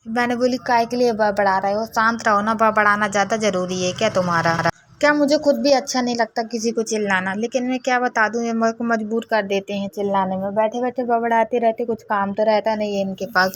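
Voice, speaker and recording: A woman's voice: mid-range voice, dry recording. A woman, chatting casually to her viewers in a home vlog. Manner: chatty, talks straight to viewers. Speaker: vlogger.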